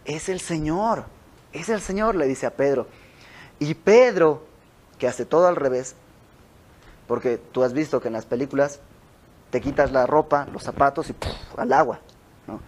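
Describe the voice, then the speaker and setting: A man's voice: mid-range voice, normal speed, pauses often. A young man with a Mexican accent leading an informal Bible study in a house, teaching in a conversational way and acting out the stories. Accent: Mexican Spanish. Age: young adult. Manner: conversational, animated storytelling with quoted dialogue. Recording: home recording with audio flaws.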